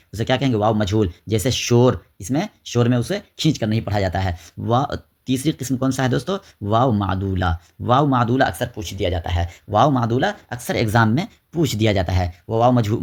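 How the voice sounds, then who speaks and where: Man teaching grammar with quiz-style repetition. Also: mid-range voice. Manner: repeats terms and quizzes students with rhetorical questions; draws out example words slowly. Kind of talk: exam-prep grammar lesson.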